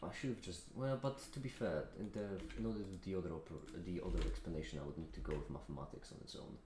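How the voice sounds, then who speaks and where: A video creator chats casually while working on his livestream, musing aloud and criticizing himself. He has a low, slightly mellow voice and talks fast, in an echoey room with clear background noise.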